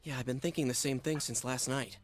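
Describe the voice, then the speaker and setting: Woman doing a low-voiced teenage schoolboy. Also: steady tone, fairly quick, faint music behind. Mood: calm.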